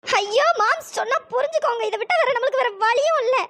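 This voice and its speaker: A voice actor doing a timid, squeaky young cartoon woman. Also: fast, sharp tone, heavily acted. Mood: fearful. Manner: fearful, pleading. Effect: pitch-raised voice. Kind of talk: cartoon drama dialogue.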